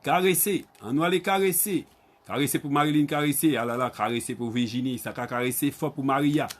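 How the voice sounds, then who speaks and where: A medium-pitched man with a Guadeloupean Creole accent gives an online Creole lesson. He slowly repeats every word, spells it out letter by letter, and calls on students by name.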